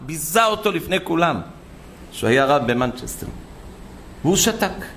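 A man preaching a sermon full of stories, animated and acting out the voices of the people in them. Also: on the high side, slight background noise. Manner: animated, acts out quoted voices. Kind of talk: sermon with storytelling.

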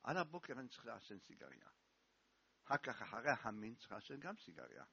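A man's voice: mid-range voice, wildly swooping pitch, creaky, bright, forceful tone, breathy edge, voice pushed down, exaggerated voice. A man voicing an anxious male smoker pleading with a rabbi, in a dull, dry recording. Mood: fretful. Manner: pleading, fretful.

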